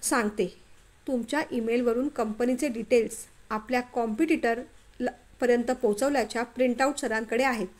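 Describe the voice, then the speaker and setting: A soft-spoken, kind young woman at the office, calm and caring in a storybook reading, as the narrator voices her. The voice is high and gentle. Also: moderate pace, lightly acted. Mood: calm concern.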